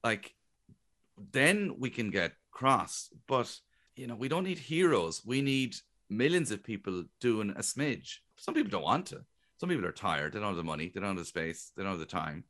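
A man's voice: fairly low pitch, moderate pace. A middle-aged Irish man, a guest comedian, talking chattily and jokingly in a radio interview. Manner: chatty, animated, jokey storytelling.

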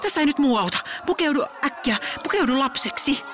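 A woman's voice: sits high, lively intonation, a bit bright, a little hiss or hum, voice pushed up. A woman voicing a frantic middle-aged mother who fires off bossy, urgent orders.

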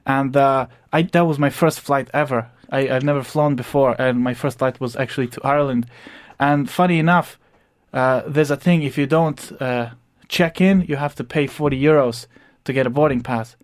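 A young man with a Croatian accent and a mid-pitched voice speaks as a radio studio guest. He tells his story at a steady pace with a few fillers along the way. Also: moderate pace. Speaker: interview guest. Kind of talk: radio interview.

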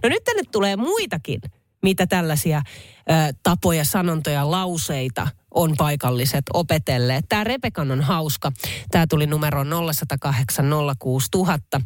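A woman radio host talking with a lively, swooping voice, on the lower side for a woman. She chats casually and reads listener messages in a dry, close studio sound. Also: dry recording. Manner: chatty, animated, reads listener messages aloud. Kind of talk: casual radio show chat. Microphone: studio microphone.

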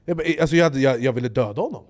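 A man co-hosting a podcast in casual chat, animated and swearing, acting out quotes in loud raised voices. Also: medium pitch. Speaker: podcast co-host.

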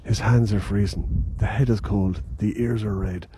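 A man giving live golf commentary in a hushed voice, narrating each movement in short phrases outdoors on a windy course. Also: lowish voice, steady tone, moderate pace. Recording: windy outdoor recording with clear noise.

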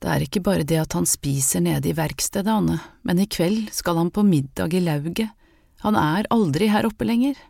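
A woman's voice: fairly low pitch, gravelly, warm tone, no echo, studio quality. A woman reading a sickly young lady of the house with a cough, wistful and teasing. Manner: wistful, then playful.

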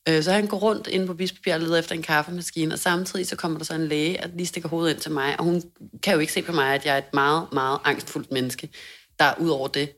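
Low-voiced young woman telling a story. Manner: animated, swears casually, acts out quotes loudly. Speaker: podcast co-host. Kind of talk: casual storytelling chat.

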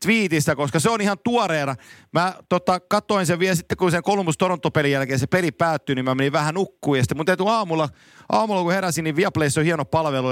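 A man hosting a casual podcast, telling anecdotes in a lively way and laughing easily. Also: a little high, no room sound, studio quality. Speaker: podcast host. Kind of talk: casual chat.

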